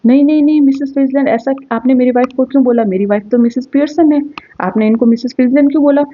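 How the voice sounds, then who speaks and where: A woman's voice: high-pitched, fast talker, highs cut off, pitched above the performer's own voice. A woman voicing a flustered, panicky middle-aged woman who pleads in frantic repeats, read aloud in a classroom explanation.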